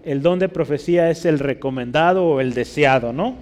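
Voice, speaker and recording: Man, pastor preaching, fairly high voice, long church-hall reverb, tag questions. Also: normal speed, darkish tone. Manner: frequent tag questions, teaching tone. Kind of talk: sermon.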